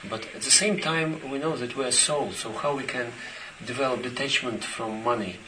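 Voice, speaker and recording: A man interpreting a talk phrase by phrase, quickly following each line. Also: medium pitch, noisy background. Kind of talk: consecutive interpreting. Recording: echoey hall, distant mic.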